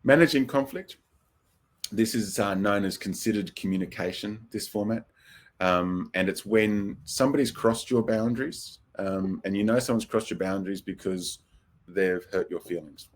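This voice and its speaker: A middle-aged man teaching a counseling webinar in a relaxed, thoughtful way, with fillers and acted-out example phrases. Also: low-pitched.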